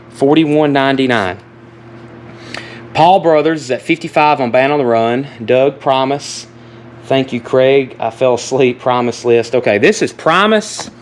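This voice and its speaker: A man hosting a casual live online auction, calling bids and prices like an auctioneer and reading out lists. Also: mid-range voice. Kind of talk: casual live sales talk with list reading. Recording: noticeable background noise, live stream.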